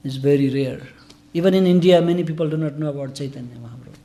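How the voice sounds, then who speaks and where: A man's voice: on the high side, fast talker, warm tone. A man from Nepal, giving an earnest, informal scripture class in a temple hall. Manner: earnest, informal, broken English grammar.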